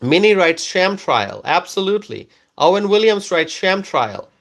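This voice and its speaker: A Bangladeshi man whose first language is Bengali hosts a live stream, reading out viewer comments in a slow, repetitive, coaxing manner. His high-sitting voice is very animated, gravelly and a bit bright.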